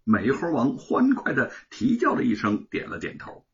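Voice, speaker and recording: Husky, animated male storyteller. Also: medium pitch, moderate pace, dull audio. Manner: dramatic, animated narration. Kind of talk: traditional oral storytelling.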